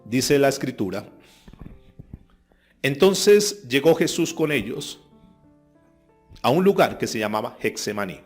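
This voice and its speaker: A man preaching a sermon as pastor, moving between quiet reflection and loud emphatic passages. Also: mid-range voice, very animated, unhurried, long pauses, faint music behind.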